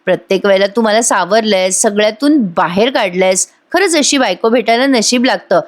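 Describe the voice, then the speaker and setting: A woman's voice: mid-range voice, expressive, brisk, lightly acted. A woman voicing a playful, affectionate young husband in a spoken recap of a TV serial. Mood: teasing, tender.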